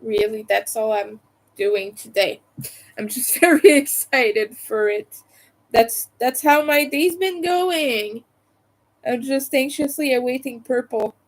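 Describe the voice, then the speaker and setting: Female livestream host, fairly high voice, casual and slow, congested with a cold, nasal like a pinched nose. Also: low-quality recording. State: stuffy nose from a cold and allergies.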